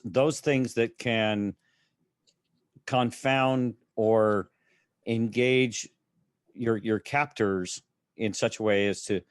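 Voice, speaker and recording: A man who is a military veteran, recounting his experiences haltingly with many fillers as an interview guest. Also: mid-range voice, no echo, clean studio sound. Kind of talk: casual interview storytelling.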